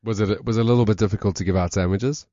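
A man's voice: fairly low pitch, fairly even intonation, rapid-fire, warm tone, no echo, dull audio. A man co-hosting a radio show, chatting in an upbeat way and reading the show ident. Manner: upbeat, wraps up with a moral and reads the show ident. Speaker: radio co-host. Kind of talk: casual radio chat.

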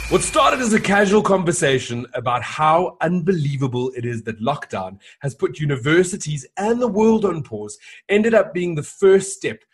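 A man's voice: on the high side, very animated, normal speed, breathy edge. A man hosting a podcast, upbeat and enthusiastic as he introduces and questions his guests. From South Africa. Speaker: podcast host. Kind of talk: podcast interview.

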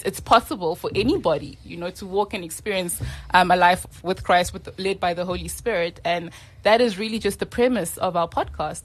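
A woman who co-hosts a podcast, earnestly explaining its purpose in casual talk and thinking aloud with fillers. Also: mid-range voice. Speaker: podcast co-host.

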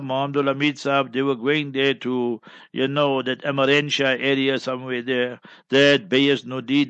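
A man's voice: medium pitch, a bit bright, dry recording. Older man, rambling preacher. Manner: rambling and digressive, sprinkled with Arabic phrases and Quran recitation. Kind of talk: casual spoken report. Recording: dull, dry lo-fi recording.

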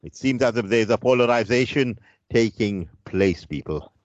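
A man with a South African Indian accent from Durban hosts a radio talk in a halting, rhetorical, conversational way. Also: on the low side, animated. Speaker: radio talk show host. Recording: dull, roomy radio sound.

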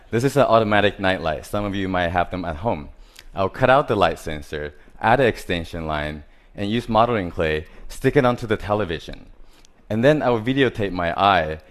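A man from Taiwan, giving a prepared stage talk about his art in simple, listing phrases with grammar. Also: deep voice.

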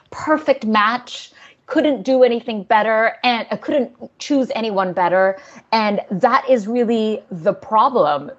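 A woman's voice: mid-range voice, breathy edge. A woman novelist from Singapore talks through her writing in a thoughtful, conversational way. Her voice sits mid-range, and she laughs lightly as she goes. The audio is dull and lo-fi, like a remote video call. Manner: thoughtful, laughs often, many fillers. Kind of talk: conversational interview.

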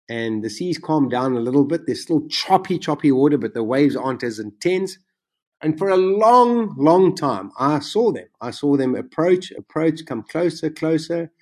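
A man telling his own survival story in conversation, animated and vivid, his voice jumping up when he relives the excitement. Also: mid-range voice, unhurried. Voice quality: self-described macabre sense of humor.

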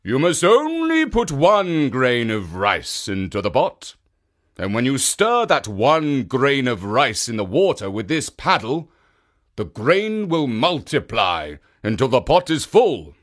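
A storyteller voicing a big, sly male ogre who speaks loudly and gruffly. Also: medium pitch, very animated, slow pace. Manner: loud, sniffing, gruff.

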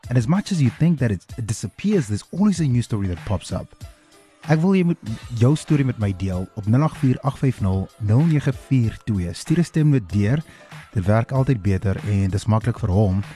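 A man's voice: mid-range voice, expressive, moderate pace, mellow. A South African man hosting a radio phone-in, switching between two languages in an impassioned, direct way and asking rhetorical questions. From South Africa, Free State. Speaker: radio host. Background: music.

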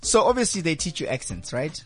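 A woman's voice: sits low, huge pitch swings, brisk, soft background music. A woman hosting a radio interview, teasing her guest and laughing a lot. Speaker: radio host. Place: radio studio.

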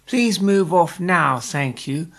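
A man voicing a male puff adder who threatens politely in a deep voice in a storybook tale. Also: expressive, slow, fairly bright tone, full character voice. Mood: menacing.

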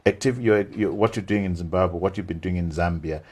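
A male interview host with a very deep, husky voice, listening attentively and murmuring agreement as his guest talks. He asks his questions plainly and stays low and breathy throughout. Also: brisk, a little mellow. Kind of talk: casual interview.

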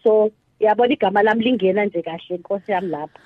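Brief: Xhosa-speaking South African woman, mid pitch, cheerful, heard through a narrow, phone-like sound. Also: rapid-fire, no room sound. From Eastern Cape, South Africa. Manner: cheerful and playful. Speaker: married guest. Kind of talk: casual radio interview.

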